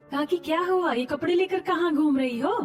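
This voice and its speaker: A woman's voice: high-pitched, moderate pace, far from the mic, faint music behind, lightly acted. A woman voicing a hesitant, polite young wife in a cartoon, speaking in a placating way.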